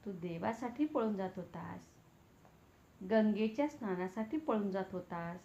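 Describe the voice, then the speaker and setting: A woman voicing a tender, loving mother who speaks gently and earnestly to her son. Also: mid-range voice, animated, measured pace. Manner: gentle, soothing, earnest counsel. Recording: roomy, dull-toned recording.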